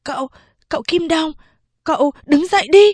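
A woman's voice: high-pitched, moderate pace, darkish tone, no echo, voice pushed up, close to an everyday voice. A woman voicing an eager young boy who coaxes and pleads with his uncle in an audiobook. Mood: urgent coaxing. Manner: urgent, coaxing. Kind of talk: audiobook character voice.

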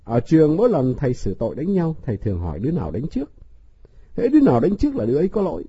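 Dark husky male storybook narrator. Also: on the high side, racing, dry recording. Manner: expressive reading. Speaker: audiobook narrator. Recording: dull, dry lo-fi recording.

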